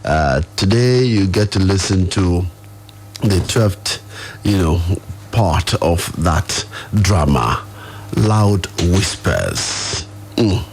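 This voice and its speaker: A Nigerian man hosts a live radio talk show from a studio, putting questions straight to his listeners in a conversational way. His voice is low and expressive, and he speaks very slowly over a faint hiss or hum.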